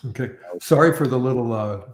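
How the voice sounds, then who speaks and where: A man who has just finished a presentation, talking on a video call with animated, emphatic bursts. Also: medium pitch, fairly quick. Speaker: presenter taking questions. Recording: echoey room.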